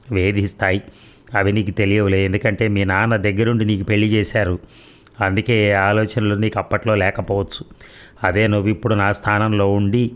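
A man's voice: on the low side, close to an everyday voice. A man voicing a bitter young woman who confronts her mother with pointed, accusing questions, in a read audio story.

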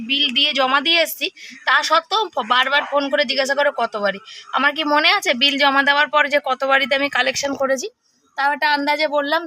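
A middle-aged woman talks fast in a high, bright voice that is hoarse from a cold. She chats casually to her viewers as she cooks in her home kitchen. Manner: chatty, talks to viewers while cooking. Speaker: vlogger. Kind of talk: casual cooking vlog chat.

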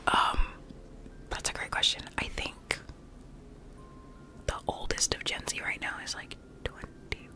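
A woman's voice: measured pace, long pauses. Whispering young woman, whispered live-stream chat. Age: young adult. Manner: soft whisper, reads chat aloud and answers. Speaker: ASMR streamer. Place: bedroom with plush toys, indoors. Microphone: studio mic close in front.

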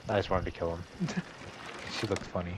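Guy gaming w friends, jokey, laughs a lot, game noise loud behind him. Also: low-pitched, fairly even intonation, brisk. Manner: joking, laughs often. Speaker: gamer. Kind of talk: casual co-op gaming chat.

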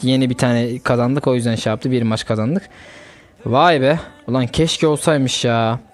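This young gaming-channel host keeps up relaxed chatter and eager reactions while playing a fighting game on his phone, his medium-pitched voice moving at an ordinary pace.

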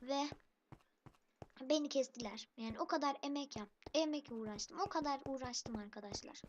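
A woman's voice: high-pitched, normal speed, highs cut off. A woman commentating her own game for a channel, irritated and complaining, calling rivals noobs. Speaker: gaming channel host. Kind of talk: let's play commentary. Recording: noisy background hiss.

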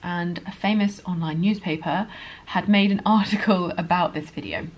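A fairly low-pitched woman who teaches English pronunciation talks quickly in a candid vlog, sounding earnest and apologetic. Her accent is modern received pronunciation with a hint of Estuary.

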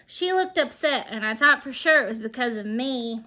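A woman reading a children's picture book aloud, expressive and animated, with asides to her young listeners. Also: on the high side, moderate pace. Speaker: storybook reader. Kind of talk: children's storybook read-aloud.

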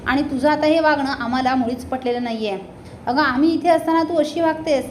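A woman's voice: high-pitched, a little fast, a little mellow, echoey room, slight background noise, close to an everyday voice. A woman voicing a stern middle-aged mother-in-law who lectures and reproves. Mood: reproving.

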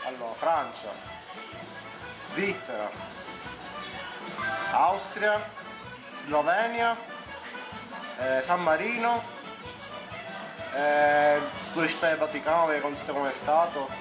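A man's voice: on the high side, expressive, slow, pauses often. A young man casually thinking out his quiz answers aloud indoors, picked up by a nearby camera. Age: young adult. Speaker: quiz contestant. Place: indoor lounge on a sofa. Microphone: handheld camera nearby. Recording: echoey room, loud music behind.

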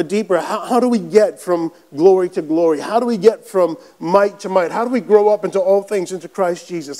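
Male pastor, high-pitched, emphatic sermon delivery with frequent hallelujahs. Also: dark tone. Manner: slows down to stress key phrases.

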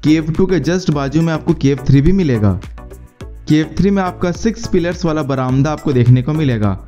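A man narrating a travel guide in a steady, explanatory tone, mixing English words into his speech. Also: a little high, normal speed. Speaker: travel vlogger. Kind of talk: scripted voice-over narration. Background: faint background music.

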